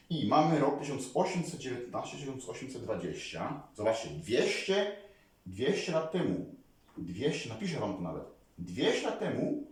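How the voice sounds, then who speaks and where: A man talking casually to his viewers as a vlogger, rambling and animated, often calling on them to listen. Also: medium pitch. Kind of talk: casual talk to camera. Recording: very echoey room, mic far away.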